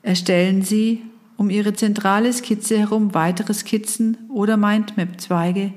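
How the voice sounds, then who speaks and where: Female narrator, mid pitch, calm and measured, carefully enunciated mindfulness instruction. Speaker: guided mindfulness exercise narrator. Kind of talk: scripted guided-meditation narration.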